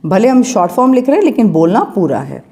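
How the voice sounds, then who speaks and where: A woman's voice: medium pitch, very animated, fast, dark tone. A woman maths teacher with an Indian English accent, explaining step by step and checking with her students. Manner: patient, checks in with questions. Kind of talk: step-by-step lesson while writing.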